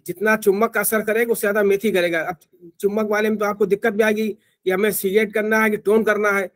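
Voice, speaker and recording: A man teaching acupressure in an online class, explaining informally with frequent restarts and fillers. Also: high voice.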